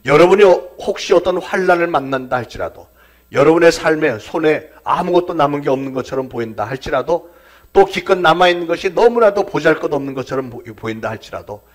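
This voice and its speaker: A male pastor delivering a sermon in a fairly high-pitched voice. He swells with emphasis on key phrases, then lets each point settle into a soft, hushed close. The delivery is earnest and steady throughout. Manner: emphatic preaching, rising for stress and dropping to soft endings.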